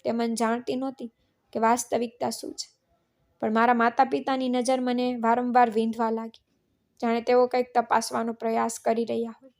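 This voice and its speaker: A woman narrating a scripted family story in a flat, even reading. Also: on the high side, moderate pace.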